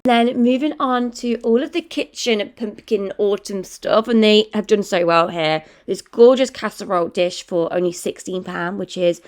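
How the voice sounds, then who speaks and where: With a medium pitch, normal speed and few pauses, a young woman chats in a casual vlog from indoors at home. A chest infection makes her wheezy as she rambles and corrects herself.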